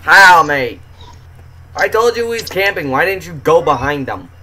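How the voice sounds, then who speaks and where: Guy on game chat w/ a kinda high voice calling out enemies, bossy and teasing. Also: expressive, a little slow, bright, forceful tone, slight background noise. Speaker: gamer. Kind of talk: casual gaming chat.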